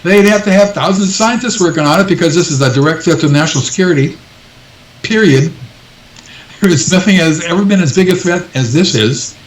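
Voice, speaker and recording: A man's voice: on the high side, a little fast. Older guy guest on a talk show, pushy emphatic talk, sounds far off in an echoey room. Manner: emphatic, insistent, repeats points. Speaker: guest researcher. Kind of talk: live talk show interview.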